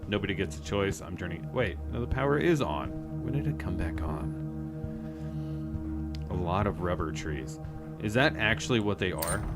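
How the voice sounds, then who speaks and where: Laid-back man streaming a horror game. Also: low-pitched. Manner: laid-back, joking, chatting with viewers. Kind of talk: live game commentary. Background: game music.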